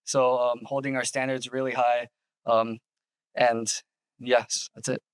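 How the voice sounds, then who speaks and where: A men's soccer coach answers questions in a measured way, pausing often. His voice is smooth and clear with little movement in pitch. The sound is dry and close. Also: flat delivery, dry recording. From Yakima, Washington. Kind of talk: interview answers.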